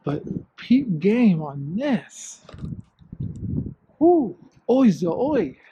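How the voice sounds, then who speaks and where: High-voiced dude rambling in a cave, voice echoing, lots of wind noise. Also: male voice, big pitch swings, very slow, dark tone, dull audio. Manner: laid-back, slangy and profane, rambling. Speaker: travel vlogger. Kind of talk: casual travel vlog. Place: inside a cave.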